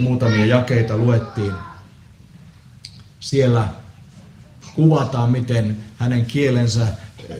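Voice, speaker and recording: A man preaching a solemn Good Friday sermon, measured with pauses and the odd hesitant filler. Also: medium pitch, dark tone, a little hiss or hum. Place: church. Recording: echoey church with faint ambience.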